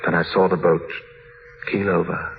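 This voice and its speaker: In a vintage radio drama, heard through muffled, noisy audio, a man plays a tormented husband confessing in a grave, halting, dramatic way. His natural voice sits low with little pitch movement, and he sounds despairing.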